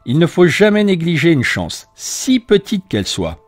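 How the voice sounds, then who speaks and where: A man voicing a calm, sharp-minded male detective who speaks quietly and sententiously. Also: fairly high pitch, moderate pace, no echo, soft background music, pitched above the performer's own voice.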